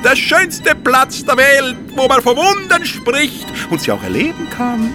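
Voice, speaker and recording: A high, shrill fairground jester, hollering like a market crier with a lilt. His pitch leaps wildly from line to line. Music plays under the storybook reading. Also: sing-song, fast. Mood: exuberant. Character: cheerful loud fairground jester man, showman.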